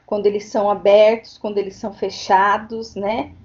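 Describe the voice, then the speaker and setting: A woman's voice: mid-range voice, little pitch movement, normal speed, darkish tone. A woman giving an online lecture as a teacher educator, explaining at length and often tagging on questions to check understanding. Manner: explanatory, frequent tag questions. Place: home, virtual meeting. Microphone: computer mic on a video call. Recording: dull lo-fi online recording.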